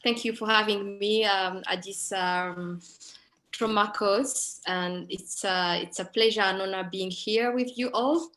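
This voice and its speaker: A woman from Rwanda, presenting a medical lecture over a video call and pausing often with ums. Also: mid-range voice, steady tone, a bit bright, rough recording. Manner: hesitant, frequent ums and uhs. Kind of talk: online conference presentation.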